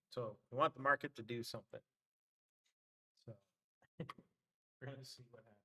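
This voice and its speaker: Male livestream host with a worn voice, loose filler-heavy chart talk, mid-range pitch. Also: moderate pace, sharp tone, poor audio. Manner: loose, thinking aloud with many fillers. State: voice getting worn. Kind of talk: casual live trading commentary.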